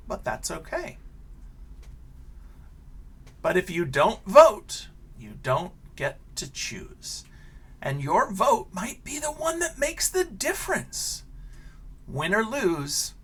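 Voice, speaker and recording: With a slightly rough voice, a male teacher works through a children's picture book, pitching expressive questions and casual remarks at the kids listening.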